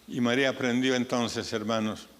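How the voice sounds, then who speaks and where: A man's voice: mid-range voice, steady tone, moderate pace, fairly bright tone. A man, a pastor, preaching a sermon with earnest emphasis, his voice rising sharply on key points. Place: church sanctuary. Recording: church sanctuary with long reverb.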